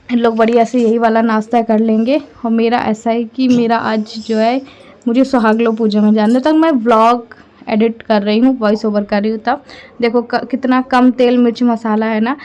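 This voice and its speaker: Chatty woman vlogger, slightly high voice. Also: darkish tone. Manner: chatty, talks straight to viewers. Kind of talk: casual vlog voice-over.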